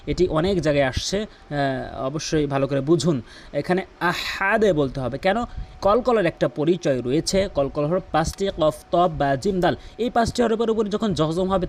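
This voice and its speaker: Brief: man with a Bangladeshi Bengali accent, patient recitation teacher, voice sits a bit high. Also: darkish tone. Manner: patient, repeats words slowly for the viewer to copy. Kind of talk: Quran pronunciation lesson.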